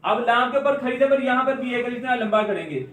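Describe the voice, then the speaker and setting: Man, recitation teacher, very high-pitched, patient question-and-answer lesson, slow drawn-out demonstrations, echoey room. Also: lively intonation, a bit bright. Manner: asks and answers his own questions, stretches words to demonstrate.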